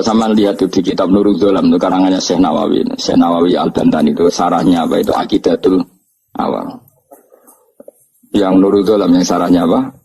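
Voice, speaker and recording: Javanese-accented man preaching with humor; low, husky, chuckling storyteller. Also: rough recording. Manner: storytelling, chuckling, lively asides. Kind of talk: humorous religious lecture.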